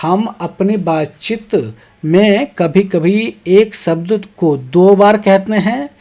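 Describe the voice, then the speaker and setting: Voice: mid-range voice, takes it slowly, mellow. A teacher reading textbook questions aloud to young children and then explaining the answers, stopping often to check in with "ठीक है".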